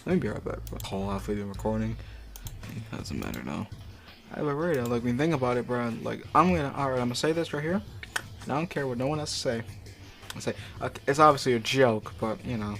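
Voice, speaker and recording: A man with a medium-pitched, slightly bright voice talks fast and animatedly, with some vocal fry. He casually reads amateur fanfic aloud over background music, stopping for slangy, profane, incredulous remarks.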